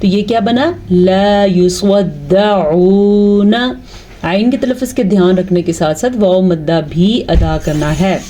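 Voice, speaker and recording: A woman teaching Quran recitation rules, explaining patiently step by step and chanting the examples slowly and drawn out. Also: medium pitch, mellow. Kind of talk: tajweed lesson with slow recited examples.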